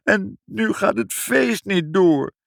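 A man voicing a tearful, excitable little girl in a read-aloud storybook, in a whiny, sobbing manner. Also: medium pitch, moderate pace, slightly rough, no echo, studio quality, pitched above the performer's own voice. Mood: weepy.

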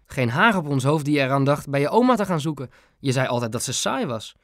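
A man's voice: medium pitch, lively intonation, a little fast, dry recording, studio quality. A man voicing a middle-aged father who is worried and tender, speaking earnestly. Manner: earnest, warm-hearted.

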